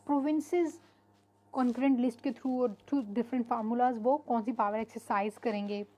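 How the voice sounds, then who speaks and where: A woman teaching an online class. Her voice sits fairly high yet sounds mellow and warm. She explains in an unhurried way and pauses on fillers. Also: fairly even intonation. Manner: explanatory, mixes English terms into Hindi-Urdu, frequent fillers. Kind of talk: online lecture.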